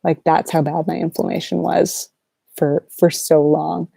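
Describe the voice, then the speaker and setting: A sleep-deprived woman chatting softly and casually as an ASMR livestream host, in a halting, low-energy, rambling way. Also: little pitch movement, gravelly, dry recording, studio quality. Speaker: ASMR artist hosting a livestream Q&A.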